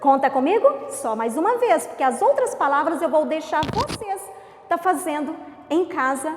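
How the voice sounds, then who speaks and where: A woman with a Brazilian accent, teaching a remote class to young children in a slow, sing-song way, stretching out syllables. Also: high voice, animated, background noise. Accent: Brazilian Portuguese. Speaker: primary school teacher. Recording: echoey room with long reverb.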